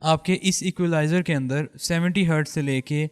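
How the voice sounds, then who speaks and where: Man teaching audio mixing, smooth clear voice. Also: fairly high pitch, fairly even intonation, long reverb tail. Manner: patient, explaining and demonstrating while adjusting a mixer. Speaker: audio tutorial host. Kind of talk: step-by-step spoken tutorial. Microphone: studio microphone through a mixer.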